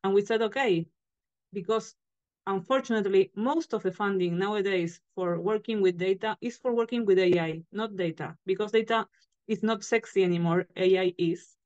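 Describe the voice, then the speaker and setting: A woman's voice: medium pitch, normal speed, darkish tone, no room sound. Woman, frank panelist, lo-fi cell phone call, dull muffled sound, very dry close audio. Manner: frank and outspoken. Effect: lo-fi cell phone call over a shaky connection. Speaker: panelist, founder of a data organization. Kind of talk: online panel discussion. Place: hotel room. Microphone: cell phone on a video call.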